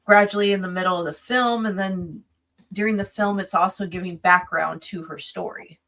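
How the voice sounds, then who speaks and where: A woman co-hosts a podcast late at night, yawning and tired as she casually rambles through a movie's plot with many restarts. She speaks at a moderate pace in a lowish, steady voice that is fairly bright.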